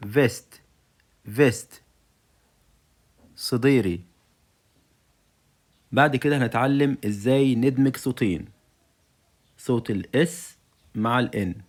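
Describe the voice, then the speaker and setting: A man with an Egyptian Arabic accent teaching English vocabulary to young children, saying each word twice and then giving its meaning. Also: medium pitch.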